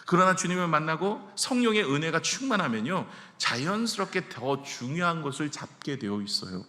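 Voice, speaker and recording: A man's voice: on the high side, moderate pace. A male pastor giving a conversational sermon, often putting questions to the congregation. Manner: animated, addresses the congregation directly with questions. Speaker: senior pastor. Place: church sanctuary. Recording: echoey church hall reverb.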